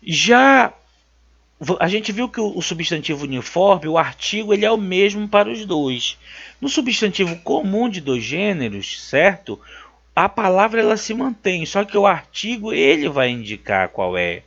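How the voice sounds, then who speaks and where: A man's voice: high-pitched, very animated, moderate pace, fairly bright tone. A man from Brazil teaching a grammar lesson for an exam, emphatic and checking in with "certo?" as he repeats key words. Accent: Brazilian Portuguese. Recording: dull lo-fi sound.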